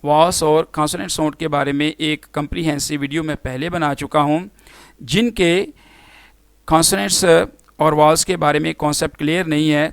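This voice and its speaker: A man teaching an English phonics lesson to students, spelling words out letter by letter and then pronouncing them slowly and formally. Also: fairly high pitch, vocal fry, dry recording. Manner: formal, addresses students directly.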